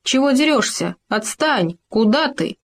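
A woman's voice: sits high, expressive, measured pace, pitched above the performer's own voice. A woman voicing a fussy, boastful male hamster who whines and grumbles indignantly in a children's story. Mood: alarmed. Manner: plaintive, indignant shouting.

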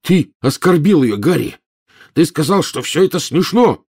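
A man's voice: low-pitched, steady tone, unhurried, slightly rough. Ron, a man voicing a lovestruck teenage wizard. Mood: furious. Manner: dreamy and hushed, then shouting. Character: lovestruck, hot-headed teenage boy wizard.

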